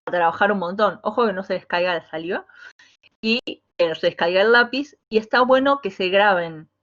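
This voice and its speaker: A woman with a Rioplatense Spanish accent, teaching a voice workshop as a coach, talking in a lively, demonstrative way with many fillers and restarts. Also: medium pitch, fairly quick, lo-fi sound. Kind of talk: online workshop lesson. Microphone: video call.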